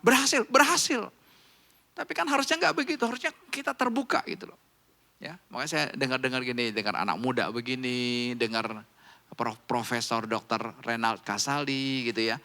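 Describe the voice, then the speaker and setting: A middle-aged man preaching a sermon as pastor, conversational and animated, with sudden loud rises in pitch and volume. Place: church hall.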